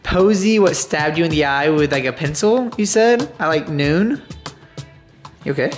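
A co-host speaks fast and chatty in a low, deep voice during a casual family vlog at home at night. Faint music plays underneath. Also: female voice, animated. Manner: quick, chatty, filler-heavy. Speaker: vlogger, co-host.

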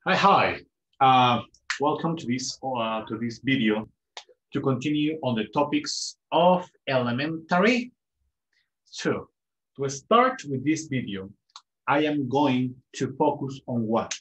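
Slow-paced teacher in an echoey room. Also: male voice, mid-range voice, fairly bright tone. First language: Spanish. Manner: switches between English and Spanish, says examples slowly. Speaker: English teacher. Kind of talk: bilingual grammar lesson. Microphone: built-in camera mic.

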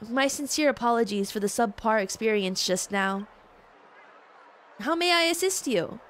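A woman voicing a tired, apologetic young shopkeeper from a game, speaking softly and slowly. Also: a little high, expressive. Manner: soft, slow, weary.

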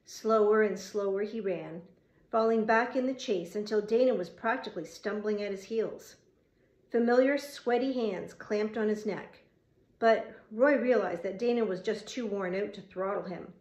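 A woman narrating a novel as an audiobook, in a steady, measured storytelling manner. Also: mid-range voice. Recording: roomy echo.

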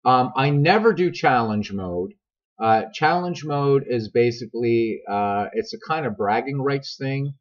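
Speaking unhurriedly in a mid-range voice roughened by a smoker's rasp, this middle-aged tutorial host chats straight to his audience and wanders between topics while explaining a game. His narration sits over screen capture footage, and the microphone sounds dull and lo-fi.

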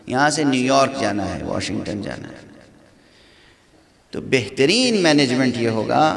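A man's voice: mid-range voice, vocal fry. A male religious scholar giving a lecture, building points through rhetorical questions and emphatic repetition. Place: lecture hall gathering. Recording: reverberant hall with audience.

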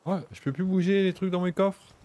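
A man streaming a video game, chatting casually with his viewers and breaking into excited exclamations. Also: high voice, a little fast. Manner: chatty, talks to chat and game characters. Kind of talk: casual gameplay commentary.

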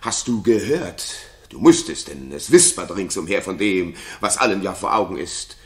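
Deep-voiced and expressive at normal speed, an actor plays a paranoid, jealous king in a German radio play from the 1960s. The performance is theatrical and brooding, alternating muttering with outbursts, and carries an insinuating mood.

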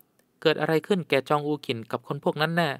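A woman's voice: low-pitched, quick pace, no echo, clean studio sound, voice pushed up, lightly acted. A male narrator voicing a frightened young woman traveler with a trembling, anxious voice. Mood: pleading.

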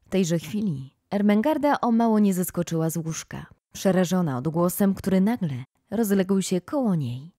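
Woman audiobook narrator, steady measured delivery, dry studio sound. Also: fairly low pitch, dry recording. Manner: calm, measured reading. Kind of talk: scripted narration.

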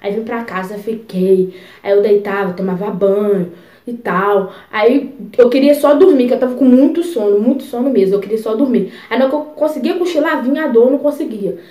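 A young woman vlogger telling a personal story in a chatty, expressive way, full of asides. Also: a little high, brisk, echoey room. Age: young adult. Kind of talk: casual storytelling.

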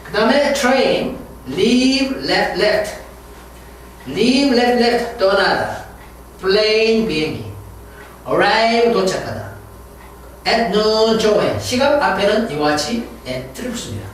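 A man leads an English vocabulary drill, stretching each word out slowly so listeners can repeat it. His voice sits high for a man. It rings in a very echoey room, picked up from a distance with faint hiss. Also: animated. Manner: slow, drawn-out English words, quick Korean asides. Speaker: English teacher. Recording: very echoey room, heard from afar.

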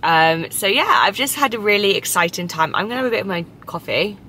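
Chatty young woman vlogging from her car, bright voice. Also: medium pitch, expressive, a little fast, a little hiss or hum. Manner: chatty, upbeat, rambling with fillers. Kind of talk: casual chatty vlog. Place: inside a parked car. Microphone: camera on the dashboard or held in hand.

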